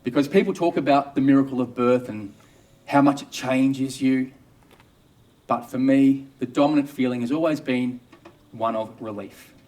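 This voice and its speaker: Australian male doctor, storytelling monologue, wry humour, distant mic, mid-pitched. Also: normal speed, a little mellow. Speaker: obstetrician. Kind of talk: first-person storytelling monologue.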